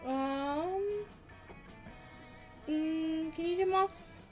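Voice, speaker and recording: A sleepy woman chatting casually on a voice call, quiet and hesitant. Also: very high-pitched, drawn-out words, faint music behind, low-quality recording. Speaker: friend on a voice call. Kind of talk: casual chat.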